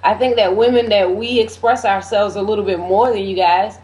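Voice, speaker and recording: A woman's voice: medium pitch, fairly even intonation, brisk, darkish tone. A young woman panelist in a casual group discussion, making her point firmly and talking through interruptions. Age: young adult. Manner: assertive, talks over interruptions.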